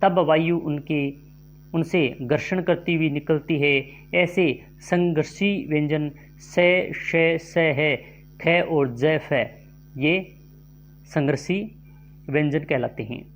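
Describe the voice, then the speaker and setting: A man's voice: fairly high pitch, steady tone. Man teaching an exam-prep grammar lesson. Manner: reads quiz questions and options, then explains answers slowly.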